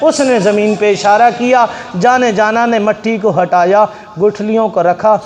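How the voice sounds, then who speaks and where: A man's voice: high-pitched, steady tone, measured pace. A man from Pakistan, preaching a fiery storytelling sermon in a mosque and repeating lines with rising passion. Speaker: Islamic preacher. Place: large mosque with congregation. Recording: echoey mosque hall with crowd.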